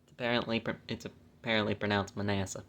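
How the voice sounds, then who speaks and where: A man's voice: fairly low pitch, little pitch movement, quick pace, a bit bright. A man reading scripture aloud and breaking off for chatty, self-mocking asides, correcting his own stumbles. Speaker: Bible reader.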